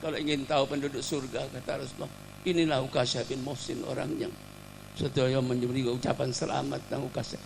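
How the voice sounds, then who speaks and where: A man's voice: medium pitch, level tone, a little fast, vocal fry, noisy background. A man with a Javanese accent preaching a sermon as a dramatic storyteller. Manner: dramatic storyteller, swelling to emotional peaks.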